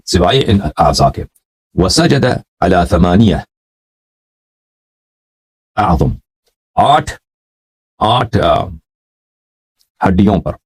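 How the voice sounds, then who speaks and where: Husky low-voiced male religious teacher. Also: a little mellow. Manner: recites Arabic slowly, then explains with repetitions and checks like "right?". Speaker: religious scholar teaching prayer. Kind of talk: explaining an Arabic hadith text line by line in Urdu.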